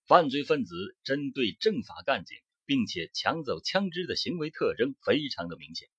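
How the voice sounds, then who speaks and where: A man narrates a true-crime case from a script, his pitch rising and falling widely as he builds emphasis. His voice is slightly husky. The recording is dry and dull, with no room sound. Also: no echo. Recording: dull close-miked dry audio.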